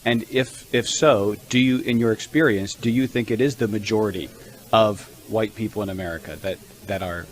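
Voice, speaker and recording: A man's voice: lowish voice, normal speed, a little hiss or hum. A man hosting a panel discussion who puts questions to his guests. He phrases them hesitantly, restarting as he searches for the right words. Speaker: host.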